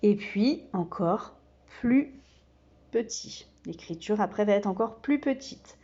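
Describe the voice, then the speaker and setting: A woman who teaches kindergarten, giving a slow and patient step-by-step demonstration full of small fillers. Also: mid-range voice, dark tone, lo-fi sound.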